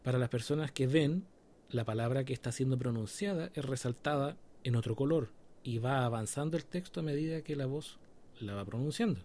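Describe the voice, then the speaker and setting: A man's voice: mid-range voice, a little fast, warm tone, slight background noise. A Chilean man co-hosting a podcast in casual chat, explaining things step by step and checking in with his listeners. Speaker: podcast co-host.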